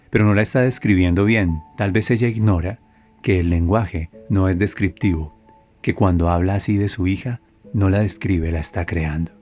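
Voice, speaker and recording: Guy telling a story, low warm voice, calm, repeats himself for effect. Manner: calm, repeats phrases for emphasis. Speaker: spiritual speaker. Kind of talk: reflective storytelling talk.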